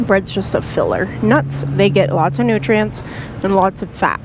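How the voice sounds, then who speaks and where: A woman's voice: medium pitch, moderate pace. A woman chatting casually on camera outdoors, talking playfully to a crow. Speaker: vlogger. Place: outdoors by a highway. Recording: outdoor noise, traffic nearby.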